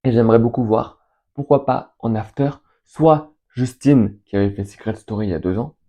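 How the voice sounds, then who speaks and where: A young man hosts a casual question-and-answer chat in a mellow, relaxed voice. He rambles with enthusiasm and reels off long lists of names, pausing between them. His pitch sits in the middle of the usual range. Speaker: fan video host answering viewer questions.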